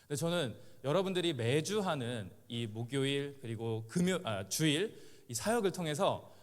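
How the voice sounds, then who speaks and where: A man in his thirties gives testimony from the pulpit. He talks in a loose, chatty way with fillers and little laughs, at a middle pitch. The hall around him leaves a long, trailing reverb. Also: expressive, moderate pace. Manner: conversational, with many filler sounds and chuckles. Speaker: missionary. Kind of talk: sermon testimony to a congregation.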